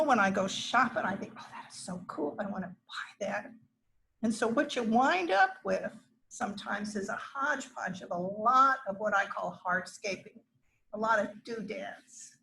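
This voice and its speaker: Her voice is on the high side, creaky and a bit bright, captured in poor audio with a little hiss or hum. She's a middle-aged woman giving an informal gardening lecture to learners in a classroom, talking loosely with asides and restarts.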